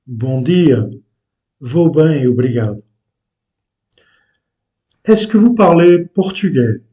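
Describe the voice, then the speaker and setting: Slow, hesitant man teaching language. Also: mid-range voice, animated, mellow, lo-fi sound. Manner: slow and deliberate, with frequent hesitations. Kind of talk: unscripted language lesson.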